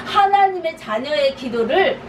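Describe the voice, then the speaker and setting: A woman pastor gives a conversational teaching sermon, speaking a little slowly and repeating urgent exhortations punctuated by light laughs. Her high voice swings widely in pitch. She's picked up from a distance in an echoey room with steady background noise.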